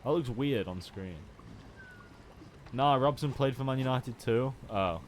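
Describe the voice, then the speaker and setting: A man's voice: medium pitch, a little slow, slight background noise. A man with a Stoke-on-Trent English accent chatting casually and in a rambling, easily amused way as he streams a video game. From Stoke-on-Trent, England. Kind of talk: casual gaming stream chat.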